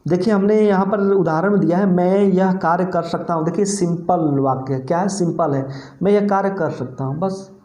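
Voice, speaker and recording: A man's voice: high voice, normal speed, warm tone, reverberant. A male teacher giving an exam-prep grammar lesson, explaining step by step and asking and answering his own questions.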